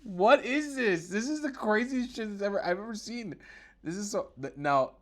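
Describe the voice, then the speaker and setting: A man's voice: high voice, expressive, moderate pace, a bit bright. A man hosting his own channel, giving mocking, sarcastic commentary on news clips, often laughing and swearing. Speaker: political commentary host.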